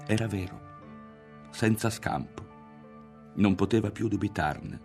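A man reading a literary novel aloud in a measured, expressive way, often dropping to a hushed tone. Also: lowish voice, creaky. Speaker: audiobook reader. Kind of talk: literary audiobook narration. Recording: faint music underneath.

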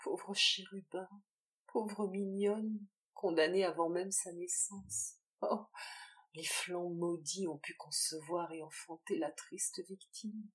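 A woman's voice: on the low side, fairly even intonation, slow. A woman reading the part of an anguished young woman confessing a secret child, in a despairing, impassioned way. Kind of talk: audiobook character reading.

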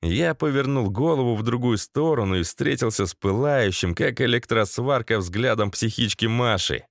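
A man's voice: mid-range voice, normal speed, vocal fry. A man narrates a crude first-person action tale in a sardonic, swearing manner. His voice sits in a medium range. The recording is dry and close, with no echo. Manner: sardonic, profane. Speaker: audiobook narrator.

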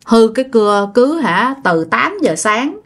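A woman's voice: fairly high pitch, sing-song, measured pace, fairly bright tone. A woman with a Southern Vietnamese accent telling a ghost story in a conversational way, repeating phrases and speaking to her listeners directly.

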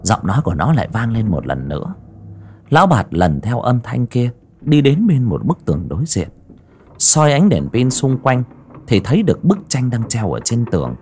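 A man narrating a horror audiobook in a dramatic, expressive way. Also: medium pitch, moderate pace, a little hiss or hum. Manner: expressive, rising and falling with the drama.

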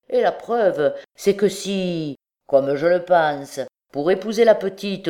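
A brazen male beggar full of mock humility and sly insolence, as a woman reading an audiobook puts him on. He sneers and needles, pushing his words out loud and low. The voice sits deep for a woman.

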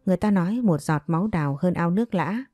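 A woman's voice: fairly low pitch, expressive, quick pace, warm tone, no room sound, soft background music. A woman voicing a scheming second wife who speaks in a sugary, coaxing way. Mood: sweetly scheming.

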